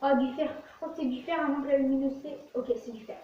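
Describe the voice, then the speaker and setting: A woman's voice: high-pitched, steady tone, quick pace. A woman giving casual let's play commentary as host of a gaming video, narrating what they do in short fragments. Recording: very echoey, distant, muffled, faint noise.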